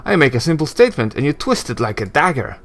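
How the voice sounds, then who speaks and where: A man's voice: fairly high pitch, very animated, fast talker, voice pushed up. A man reading the lines of a blunt, scarred immortal hero in a game, in a plain, earnest way.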